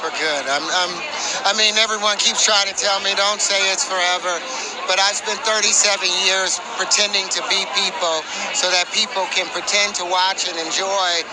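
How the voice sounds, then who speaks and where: High-voiced man in a re-recorded TV clip. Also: moderate pace. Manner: calm, unfaltering, grandly confident. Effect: played back through a speaker and re-recorded. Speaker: interviewed actor. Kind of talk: live TV interview answer. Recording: re-recorded TV clip with loud crowd and noise.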